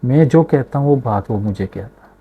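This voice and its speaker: A man's voice: mid-range voice, lively intonation, moderate pace, breathy edge, phone-quality sound. Stubborn little boy, as a male storyteller puts him on. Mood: upset. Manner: insistent, pleading. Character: young boy, stubborn and easily scared.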